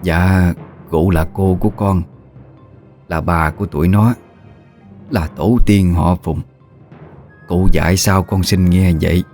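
A calm, deferential woman answers her elder softly and slowly, as a man puts her on in a low voice. Faint music plays behind. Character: calm, respectful middle-aged woman.

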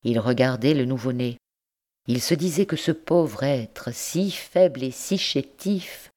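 A woman narrating a novel as an audiobook reader, in measured, even storytelling. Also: a bass voice.

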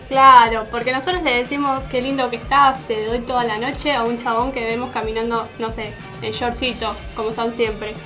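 In a naturalistic radio drama, a young adult woman with an Argentine accent plays a student venting to a friend, sounding exasperated, indignant and sarcastic in colloquial speech. Her voice is fairly high and sharp, with level tone and moderate pace. She barely pauses, and soft music plays in the background.

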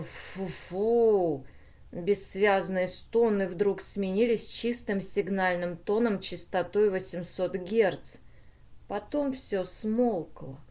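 Expressive woman narrating a story. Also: mid-range voice. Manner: lively, expressive reading. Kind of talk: audiobook narration.

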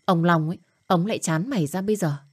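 A woman voicing a young woman who is the blunt, worried best friend, talking fast and scolding. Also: fairly low pitch, husky.

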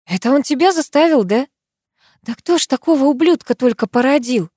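A woman's voice: high-pitched, lively intonation, a little fast, darkish tone, breathy edge, no room sound, studio quality, pitched above the performer's own voice. Woman doing an outraged, protective girlfriend. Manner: angry, swearing, outspoken. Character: indignant protective female friend, young adult.

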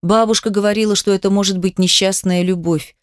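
A woman voicing a tender, brooding young stepbrother in a murmuring, lowered voice, in a romance audiobook. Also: steady tone, brisk, no room sound, clean studio sound, natural voice. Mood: earnest.

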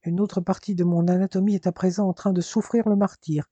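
A tender, worried young man in a spoken novel, voiced by a male reader. The voice is warm and slightly husky, dry and close. He pleads gently and earnestly. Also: high-pitched, level tone, brisk, no echo, highs cut off, voice pushed up. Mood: teasing.

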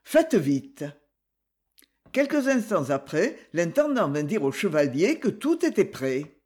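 A man narrating an adventure audiobook in an expressive, dramatic reading style. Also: sits high, moderate pace. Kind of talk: scripted narration.

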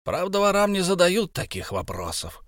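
A man's voice: sits high, wildly swooping pitch, normal speed, a bit bright, no room sound, studio quality, pitched above the performer's own voice, exaggerated voice. Man playing a stern, proud dwarf king. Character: proud, wrathful dwarf king, stubborn and grim.

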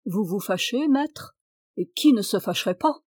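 A woman voicing a sly young male farmhand who answers his master calmly and mockingly in a folk tale. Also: mid-range voice, normal speed, dry recording, studio quality, natural voice. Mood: impatient, mocking. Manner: calm and mocking.

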